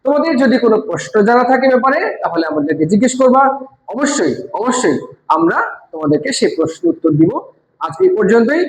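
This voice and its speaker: A woman with a Bangladeshi accent, an English grammar teacher giving a classroom-style lesson and repeating each example word slowly. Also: fairly high pitch, big pitch swings. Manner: says syllable examples slowly and repeats them. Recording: echoey room.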